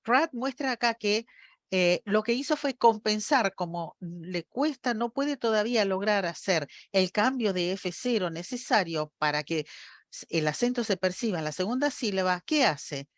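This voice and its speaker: A woman's voice: mid-range voice, animated, normal speed, no echo. Dry-sounding woman lecturing. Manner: explanatory, often checks in with the audience. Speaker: university lecturer. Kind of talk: academic lecture.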